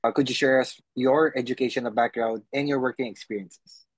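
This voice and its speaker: Filipino guy hosting an interview, bright event host style, bit husky, dry sound. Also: medium pitch, steady tone, a little fast, dry recording. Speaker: host of an online review academy's success-story show. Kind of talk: hosted interview.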